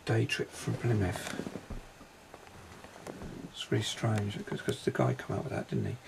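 Male psychic medium, low and gravelly, hesitant and halting delivery, faint noise in the background. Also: big pitch swings. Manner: hesitant, halting descriptions with many pauses. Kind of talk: paranormal investigation commentary. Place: inside a railway carriage.

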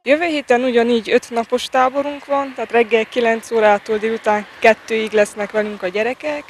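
A woman's voice: a little high, fairly even intonation. Earnest woman camp coach, noisy background. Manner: earnest, with hesitant fillers. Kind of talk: news interview statement.

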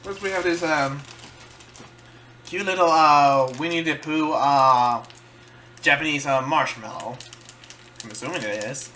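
A man doing a casual food-tasting vlog, halting and searching for words as he chews and talks. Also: a little high, sharp tone, a little hiss or hum. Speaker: vlogger.

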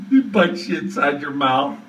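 A man's voice: high-pitched, recorded from a distance, a little hiss or hum, low-quality recording. A man improvising theatrically as he films, swearing and reacting with melodrama, speaking indoors into a handheld phone. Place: indoors at a metal sink. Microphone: handheld phone camera.

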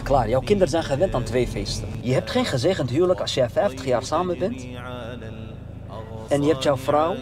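A man's voice: a little high, expressive, a little fast, a crowd in the background. A man giving conversational religious admonition as an interview guest, emphatic, using short repeated phrases and rhetorical questions. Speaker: Islamic preacher, interview guest.

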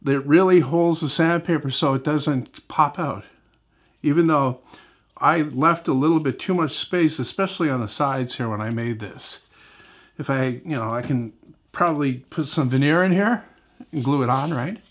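A man's voice: a little high, normal speed. A middle-aged man hosting a woodworking video, talking casually in his home workshop, rambling and correcting himself as he goes. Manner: rambling, conversational, self-correcting, lots of "right?" and "you know". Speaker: woodworking channel host. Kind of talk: casual workshop demo talk. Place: home woodworking shop, indoors.

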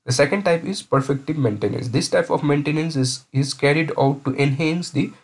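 Husky-voiced man lecturing over slides. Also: fairly high pitch, a little fast. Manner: explains step by step with frequent restarts and repeats.

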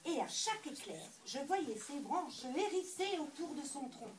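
A woman performing a comic stage monologue, telling her story with lively wordplay. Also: high-pitched, unhurried. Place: indoor stage before an audience. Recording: distant mic in an echoey hall.

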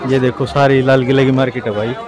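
Walking through a crowded outdoor market with the camera held at arm's length, a young male vlogger talks quickly in a mid-range voice that barely rises or falls. His chatty manner includes addressing viewers as "brother." Street noise and the chatter of the crowd surround this casual vlog.

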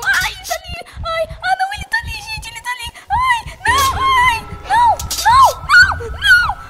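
Brief: jittery Brazilian pony girl played by a woman, screechy, sky-high voice, game music underneath. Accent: Brazilian Portuguese. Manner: jittery, squealing and shrieking when scared. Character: young female pony, sporty and easily frightened. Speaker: gaming youtuber. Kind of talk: let's play commentary in character.

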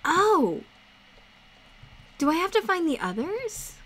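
Chatty, excitable woman gaming streamer. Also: very high-pitched, slow, a little hiss or hum. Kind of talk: casual game commentary.

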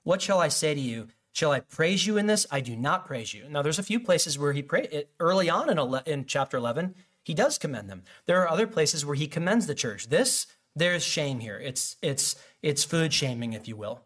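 A man delivers a sermon as pastor, talking to his congregation like friends, with jokes and quick asides. His voice sits slightly higher than most men's. He stumbles and restarts as he goes, keeping it casual. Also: expressive, a bit bright. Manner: conversational, jokey preaching with frequent asides.

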